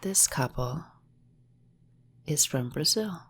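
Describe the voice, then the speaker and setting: A woman with a low, airy voice reads aloud in a soft-spoken ASMR style. She half-whispers in a slow, hushed delivery, like a hypnotherapist helping a listener relax. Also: animated. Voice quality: soft and breathy.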